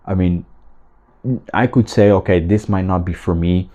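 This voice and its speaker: Man, low voice, mellow tone, casual vlog chat, enthusiastic, halting with fillers. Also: fairly even intonation. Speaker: fragrance vlogger. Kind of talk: casual talk to camera.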